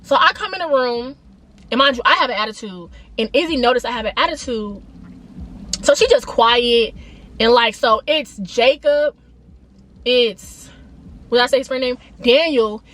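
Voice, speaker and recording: A young woman vlogger telling a story casually, slangy and animated, acting out the people she quotes. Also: on the high side, moderate pace.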